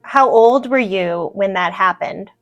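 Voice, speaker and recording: An American woman gently prompting as interviewer in a casual family conversation. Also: mid-range voice, unhurried, lo-fi sound, soft background music. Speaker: interviewer, granddaughter.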